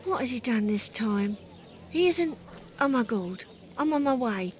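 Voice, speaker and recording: A woman's voice: a little high, animated, measured pace, a little hiss or hum. A woman playing a worried, ashamed Victorian niece with a British accent in a video game. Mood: anxious, ashamed. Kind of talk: video game character acting.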